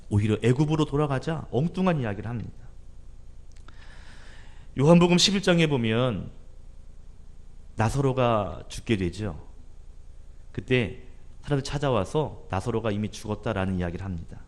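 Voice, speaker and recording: A man's voice: lowish voice, lively intonation, moderate pace, pauses often. A male pastor preaching at a Friday prayer meeting, talking conversationally and asking the congregation to agree.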